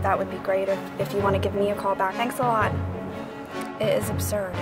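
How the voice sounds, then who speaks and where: A woman's voice: medium pitch, low-quality recording. A woman in her twenties, talking frankly and with exasperation to the camera in a personal vlog, recorded outdoors on a camera mic. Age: 20s. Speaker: vlogger. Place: outdoors on a yoga mat.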